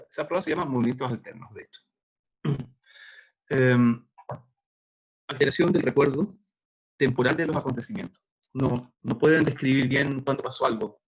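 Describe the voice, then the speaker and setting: Husky man giving a lecture. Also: mid-range voice, normal speed, long pauses. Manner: conversational, explains with worked examples and hesitations. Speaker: university lecturer. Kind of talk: recorded lecture on neuropsychology.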